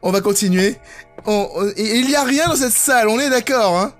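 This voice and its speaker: Expressive jokey youtuber doing horror game commentary, swears a lot, game music behind. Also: medium pitch, brisk. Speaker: gaming YouTuber.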